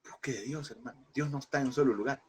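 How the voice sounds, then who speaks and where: A man's voice: mid-range voice, fast, a little hiss or hum. A man teaching a Bible class in a preaching style, emphatic and repeating phrases, often calling listeners brother.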